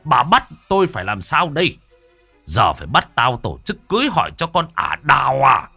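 A man voicing a furious middle-aged male theater owner who shouts and curses at his son and wife. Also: medium pitch, huge pitch swings, moderate pace, creaky, husky, faint music behind, voice pushed up, heavily acted. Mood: scornful. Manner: shouting, cursing, scornful.

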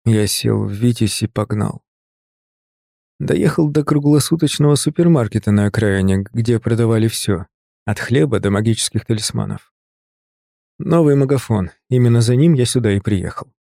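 A man narrating an audiobook in a calm, measured first-person storytelling voice. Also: medium pitch, vocal fry, dry recording, studio quality.

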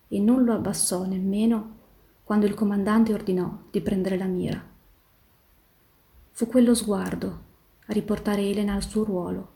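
A woman reading a novel aloud in a steady, measured way, slowing down on the tense passages. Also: mid-range voice, creaky. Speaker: volunteer reader in a reading marathon. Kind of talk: literary read-aloud narration.

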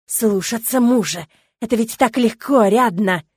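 A woman reading an audiobook, voicing a domineering noble husband with calm menace that turns to hissing rage. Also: medium pitch, brisk, no echo, studio quality, natural voice. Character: cold, domineering noble husband, adult man.

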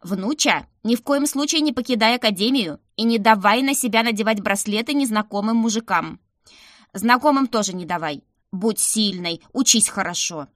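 A woman voicing a stern, sharp-tongued old grandmother who grumbles and scolds, in an audiobook reading. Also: mid-range voice, expressive, normal speed, dry recording, clean studio sound, lightly acted. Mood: gruff.

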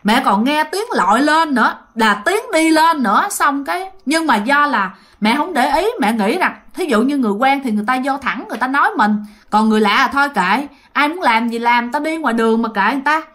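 A woman with a Southern Vietnamese accent tells a family ghost story in a chatty, casual way and often turns to address her listeners. Her voice sits a little on the high side. The telling is relaxed and conversational. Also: a little fast, few pauses.

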